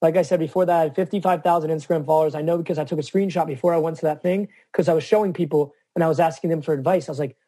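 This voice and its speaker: A man's voice: fairly high pitch, steady tone, rapid-fire, few pauses, warm tone, no room sound. A man speaking as a guest on an interview podcast, earnest and reflective about advocacy. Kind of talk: casual interview chat.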